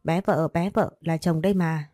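A woman's voice: low-pitched, steady tone, moderate pace, dark tone, dry recording, studio quality, faint music behind, close to an everyday voice. Woman reading as a doting possessive older lover. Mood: soothing. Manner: tender, teasing, bossy.

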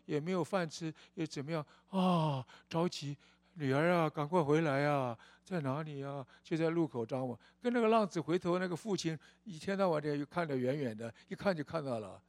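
A man's voice: fairly high pitch, animated, a little fast, a little mellow, no echo. A man preaching a storytelling sermon in a church, folksy in tone and asking rhetorical questions.

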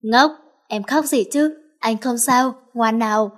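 A woman voicing a young man, a wounded, protective and jealous lover who speaks cold to enemies and gently to his girl. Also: on the high side, slow pace. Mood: tender. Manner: cold, then tender and teasing.

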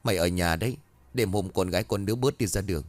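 Curt, protective young villager, voiced by a man, deep and dry. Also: fast, no room sound, close to an everyday voice. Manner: curt, scolding.

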